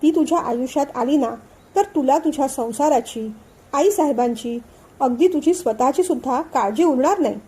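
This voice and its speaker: A woman voicing a playful young man in a storybook reading, gently teasing and calming his friend. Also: high-pitched, normal speed. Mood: coaxing. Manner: playful, soothing, laughing. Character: cheerful teasing male friend, coaxing.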